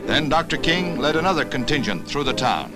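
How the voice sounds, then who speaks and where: A man narrating an old 1960s newsreel in a formal, measured announcer's delivery. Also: on the high side, expressive. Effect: old newsreel voice-over. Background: music score under the narration.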